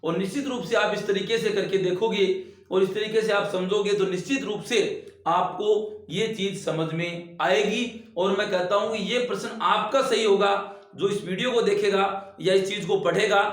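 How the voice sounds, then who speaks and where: Male teacher, demonstrative, drawn-out vowels, distant and echoey. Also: high voice. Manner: demonstrative, repeats and stretches vowels, instructive. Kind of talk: classroom lesson demonstrating vowel sounds. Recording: very echoey room, voice set back from mic.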